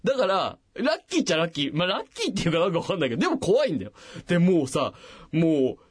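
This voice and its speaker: This late-night radio host rattles off a long, casual personal tale very fast, animatedly impersonating the people in it with big jumps in pitch. His voice has a breathy edge, and the studio microphone gives a dry, clean studio sound.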